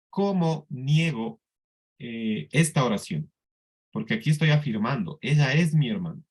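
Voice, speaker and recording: Slow, patient Colombian Spanish man teaching. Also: mid-range voice. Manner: slow, patient explaining with frequent checks for understanding. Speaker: English teacher. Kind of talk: classroom lesson.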